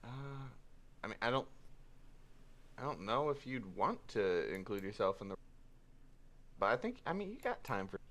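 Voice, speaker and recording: A man's voice: on the low side, big pitch swings, moderate pace, long pauses, fairly bright tone, a little hiss or hum. A man running a tabletop game over an online voice call, hesitant and restarting his sentences while his audio keeps cutting in and out. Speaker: game master.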